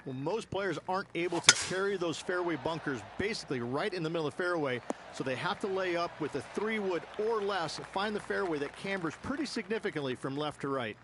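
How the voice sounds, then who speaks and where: A golf analyst for video game commentary. His voice sits fairly high for a man, and he explains in a conversational way over clear background noise. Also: expressive, a little fast. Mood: explanatory.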